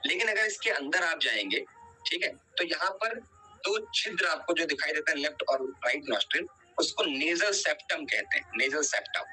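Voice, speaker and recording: Bright-voiced man teaching biology online. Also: fairly high pitch, husky, rough recording. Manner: explains step by step, often checks with "ठीक है"; quizzes students and urges revision.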